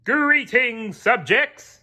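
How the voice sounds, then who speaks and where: A man's voice: extremely high pitch, expressive, drawn-out words, sharp tone, voice pushed up, exaggerated voice. A man reading aloud while voicing a pompous, thundering male merman king in a kingly manner. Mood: commanding.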